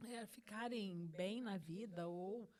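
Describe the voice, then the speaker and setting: A woman's voice: medium pitch, slow, a little mellow. A middle-aged woman host sharing an emotional personal testimony, earnest and repeating phrases for emphasis. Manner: acts out her own past words to God.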